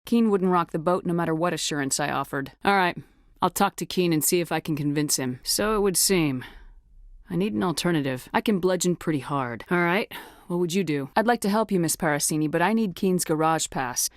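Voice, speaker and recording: An actress playing a tough, no-nonsense military space commander in a video game, with a clipped, assertive, businesslike delivery. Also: female voice, fairly low pitch, brisk, no room sound, clean studio sound, close to an everyday voice. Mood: tough, confrontational. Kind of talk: video game dialogue acting.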